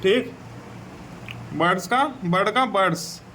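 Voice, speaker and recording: A man with a Hindi accent teaching an English textbook lesson, repeating "theek hai" and reading English sentences slowly before translating them. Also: sits high, sharp tone, a little hiss or hum, rough recording. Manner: slow and repetitive, says "theek hai" often.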